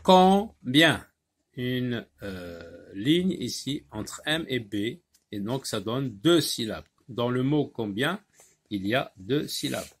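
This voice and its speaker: A man teaching a French reading lesson, talking slowly and deliberately and spelling out letters and syllables. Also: mid-range voice, expressive, slightly rough.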